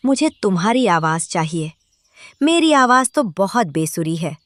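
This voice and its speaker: For a children's cartoon story, a woman plays a greedy, envious male crow, grumbling insistently in an unhurried, sing-song voice that swings widely in pitch. The audio is dry, with no room sound or echo.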